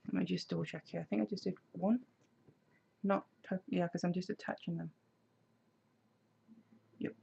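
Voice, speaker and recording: A woman's voice: lowish voice, fairly even intonation, normal speed, creaky, pauses often, mellow, slightly rough. A woman, chatting casually on a craft live stream and answering viewer comments. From Denmark. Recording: slightly dull lo-fi sound.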